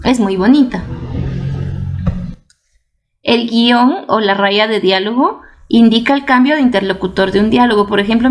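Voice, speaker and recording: A woman's voice: medium pitch, vocal fry, a little mellow. A woman teaching a video lesson to children, patient and explanatory, often checking that they follow and repeating words for emphasis.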